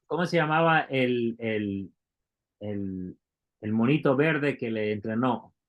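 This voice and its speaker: Man, classroom lecture, middle pitch, patient explanations, questions to the students. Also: lively intonation, slow pace, narrow, tinny audio. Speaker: Bible Greek teacher.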